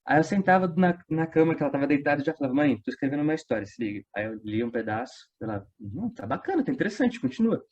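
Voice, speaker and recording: Speaking fast with few pauses, this interview guest, an audio drama creator from São Paulo state in Brazil, has a fairly high, animated, slightly mellow voice. He tells his story casually with slang and a chatty tone, and the online interview audio sounds dull and lo-fi.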